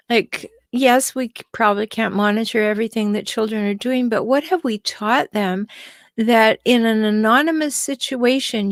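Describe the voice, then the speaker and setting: A woman guest speaking as a relationship expert on a casual podcast, telling stories in an animated way with many restarts. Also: fairly high pitch, dry recording.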